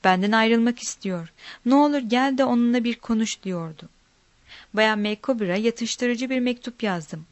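A woman narrating a storybook aloud in a measured, plain reading. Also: a little high, no echo.

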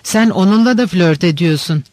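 A man reading the part of an older countess, a gentle and cautious mother who speaks in a calm, advising way. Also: high-pitched, moderate pace, no echo, natural voice. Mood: tender.

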